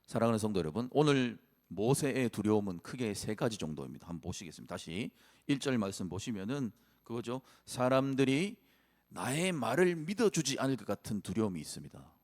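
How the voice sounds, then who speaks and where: A male pastor delivering an earnest Sunday sermon, reading scripture aloud between his points. His pitch sits mid-range yet swings widely and expressively. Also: sing-song, a little fast, darkish tone.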